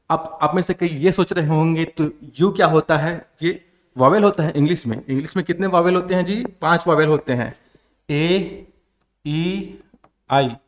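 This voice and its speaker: A man from India with a Chhattisgarh accent, teaching a grammar class. He asks questions and answers them himself. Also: on the high side. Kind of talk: classroom lecture. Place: coaching class.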